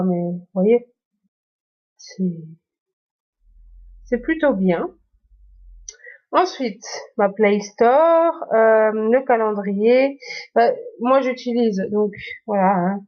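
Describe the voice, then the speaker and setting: A woman's voice: mid-range voice, dull audio. A woman chatting casually through the apps on her phone, hesitant with many fillers and restarts. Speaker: YouTuber. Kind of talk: casual phone tour vlog.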